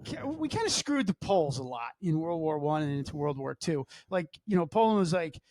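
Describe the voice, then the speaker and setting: A man co-hosting a casual podcast over a video call, talking in animated bursts and acting out quoted voices. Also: on the high side, fairly quick, no room sound. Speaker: podcast co-host.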